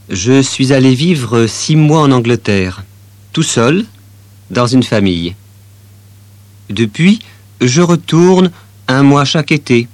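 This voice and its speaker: A calm teenage boy tells his story in a slow, plain way. The voice sits in a middle range and comes across dry and close. It sounds like a scripted language-course recording. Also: medium pitch, no room sound. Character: young French teenage boy telling about languages. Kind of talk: scripted listening-exercise reading.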